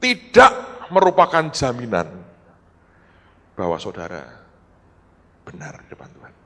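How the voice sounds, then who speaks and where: A middle-aged male pastor preaches in a storytelling way and acts out the people in his story. His pitch rises and falls a lot, and his voice sits in the middle range. The sound carries a long reverb, as in a large church hall. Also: measured pace. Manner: storytelling, animated, acts out quoted dialogue; addresses congregation as "saudara". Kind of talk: sermon.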